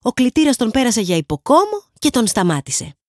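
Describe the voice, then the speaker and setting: A woman from Greece narrates a storybook with an animated, swinging pitch and an expressive delivery. Her voice sits at a middle height and sounds dry and close to the mic. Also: no room sound. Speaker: audiobook narrator. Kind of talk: scripted audiobook narration.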